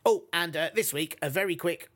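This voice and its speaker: A man's voice: fairly high pitch, fairly quick, noisy background. A British man presents a podcast in a slightly raised register. He talks straight to listeners in a wry, joking way and often pokes fun at himself. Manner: wry, jokey, self-deprecating. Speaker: podcast host. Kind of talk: comic monologue to listeners.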